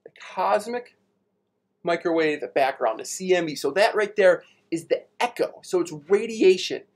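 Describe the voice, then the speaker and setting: In a high-pitched, animated, unhurried voice, a young science teacher runs a live online space lesson for children at a whiteboard. He's playful and talkative, using everyday examples to make big ideas clear.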